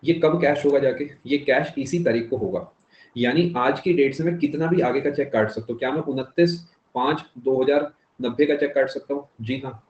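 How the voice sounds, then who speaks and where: A man's voice: mid-range voice, normal speed, a little mellow. A man teaching an economics class, explaining step by step, slipping into English phrases and checking if students follow. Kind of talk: classroom lecture. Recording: dull, echoey classroom recording.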